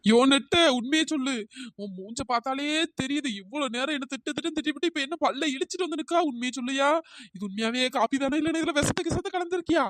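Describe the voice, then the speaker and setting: A voice actor playing a suspicious, dramatic young wife in a comic cartoon, wailing and accusing through a pitch-shifted cartoon voice. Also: fast talker, fairly bright tone, dry recording. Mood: bossy. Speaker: cartoon character.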